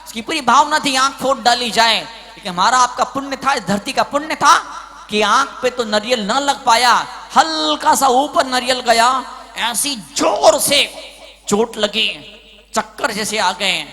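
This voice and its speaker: A man preaching a sermon as a monk, telling stories with big swings between loud and hushed. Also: extremely high pitch, measured pace. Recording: hall reverb.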